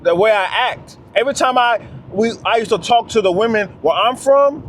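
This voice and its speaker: Guy with a high voice ranting on his vlog, slangy, says stuff twice for emphasis. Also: moderate pace, a little hiss or hum. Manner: emphatic, repeats phrases, slangy. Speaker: vlogger. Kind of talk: casual monologue vlog.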